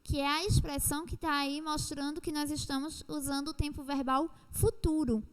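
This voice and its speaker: A woman with a Brazilian Portuguese accent explaining an English lesson step by step, repeating points and slowing down on the examples. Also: high-pitched, fairly even intonation, big-room sound. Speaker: teacher. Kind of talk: recorded online lesson.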